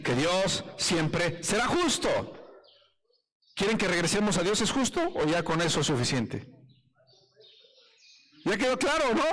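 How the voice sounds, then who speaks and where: Animated Mexican preacher man. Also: sits high, big-room sound, rough recording. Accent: Mexican Spanish. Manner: preaches with rising emphatic peaks and rhetorical questions to the congregation. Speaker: pastor. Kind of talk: live sermon.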